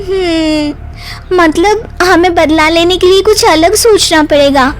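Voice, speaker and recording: A woman's voice: very high voice, slow pace, slight background noise, pitched above the performer's own voice. A woman playing a timid, argumentative young daughter-in-law in a cartoon comedy, whining melodramatically. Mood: puzzled. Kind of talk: Hindi cartoon comedy story acting.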